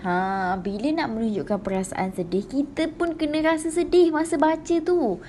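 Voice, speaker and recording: A woman teacher with a Malaysian Malay accent, explaining a lesson to primary pupils slowly and clearly, with many "okey" and "ha". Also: high-pitched, steady tone, warm tone, a little hiss or hum.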